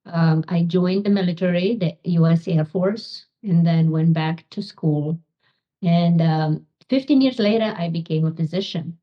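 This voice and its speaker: A middle-aged woman from Romania, a physician and author, answering interview questions slowly with many pauses and ums. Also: fairly low pitch, highs cut off. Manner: slow, halting, many ums.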